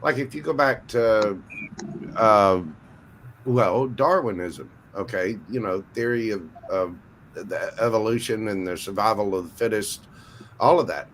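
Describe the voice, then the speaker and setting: A man's voice: fairly low pitch, measured pace, a bit bright, a little hiss or hum, low-quality recording. A man in a casual group chat, explaining his view and listing points with emphasis. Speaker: chat participant.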